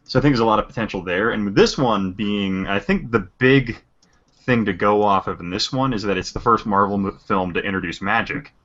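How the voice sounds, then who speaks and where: A low-pitched man talks quickly as a podcast co-host, piling one thought onto the next. The recording sounds dull and lo-fi. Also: fairly bright tone. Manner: fast, rambling opinions. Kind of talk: casual chat. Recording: dull lo-fi audio.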